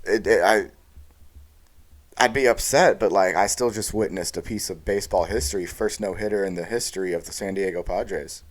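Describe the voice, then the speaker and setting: Guy with a really low voice, podcast cohost, dry jokes and teasing, gets into sports talk. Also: moderate pace. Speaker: podcast co-host. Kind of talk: casual chat. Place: recorded face to face in Texas.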